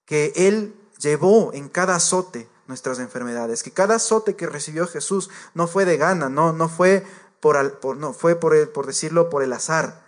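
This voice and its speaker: A man with a fairly high voice preaches to his congregation, earnest and direct. He keeps repeating his points and speaks to the listeners as believers.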